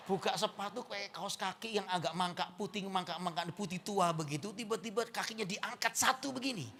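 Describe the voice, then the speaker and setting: A man's voice: high voice, fairly quick. A male pastor with an East Javanese Indonesian accent, telling a humorous story in a sermon and acting out the voices of the people in it. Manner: animated, acts out voices and shouts in anecdotes. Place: church sanctuary.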